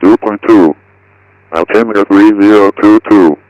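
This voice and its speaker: A deep, smooth synthetic male voice reads out an automated airport weather broadcast. Each item comes out even and clipped, the way text-to-speech does. The sound is dry and close. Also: normal speed, no echo, highs cut off. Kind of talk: looping automated weather and runway readout.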